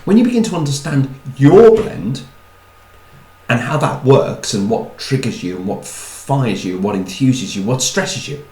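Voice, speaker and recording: A man's voice: medium pitch, expressive, unhurried, darkish tone, echoey room, poor audio. A man giving a chatty talk on personality types, with wry asides and repeated words. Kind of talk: talk to an audience.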